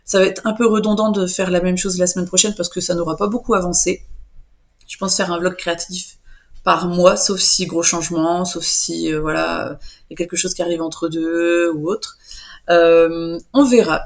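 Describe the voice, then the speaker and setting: A woman's voice: fairly low pitch, fairly even intonation, normal speed. Hesitant, rambling woman crafting vlogger. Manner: rambling, frequent hesitations and self-corrections. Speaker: crochet and knitting vlogger. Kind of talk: casual chat to camera.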